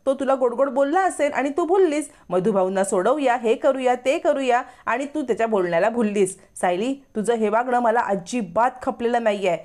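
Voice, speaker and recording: A woman voicing an older woman who angrily scolds a young couple, accusing and rapid. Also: fairly high pitch, lively intonation, darkish tone, close to an everyday voice. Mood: angry.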